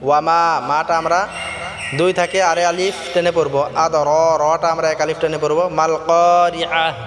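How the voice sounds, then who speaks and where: A man teaching Quran recitation rules, slowly chanting verses in a melodic voice, then explaining pronunciation in quick plain speech. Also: fairly high pitch, level tone, big-room sound, background noise. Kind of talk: tajweed lesson alternating chanted recitation and quick spoken explanation.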